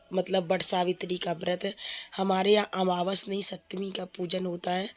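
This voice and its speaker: Chatty mother vlogging from her kitchen. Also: mid-range voice. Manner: chatty, explains each step of cooking. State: feverish. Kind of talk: casual cooking vlog chat. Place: home kitchen.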